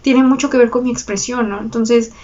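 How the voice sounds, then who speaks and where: A woman's voice: a little high, steady tone, brisk, darkish tone, dull audio. A woman with a Mexican Spanish accent, hosting her astrology channel and telling a personal story in a chatty, confessional way. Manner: chatty and confessional, slangy, with frequent laughs and tag questions. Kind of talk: casual personal storytelling to viewers.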